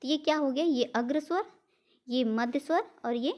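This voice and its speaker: A woman's voice: high voice, moderate pace, darkish tone. A woman with an Indian accent teaching an exam-prep grammar lesson. She explains step by step, asks questions and answers them herself, and mixes English words into her teaching.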